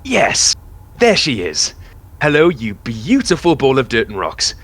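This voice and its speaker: A man's voice: fairly low pitch, big pitch swings, moderate pace, a bit bright. A man playing a chatty, sarcastic lone space explorer who talks to himself in a science fiction audio drama. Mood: eager, playful.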